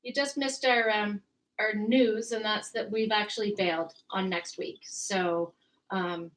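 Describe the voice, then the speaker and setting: Brief: woman co-host, casual chat, chatty, quick to laugh, mid pitch. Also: fairly even intonation, fairly bright tone.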